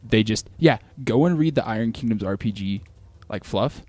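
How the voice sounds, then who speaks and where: A man's voice: on the low side, lively intonation, moderate pace, darkish tone, dry recording. A man co-hosting a casual chat about tabletop game lore, rambling with lots of restarts and filler words. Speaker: co-host.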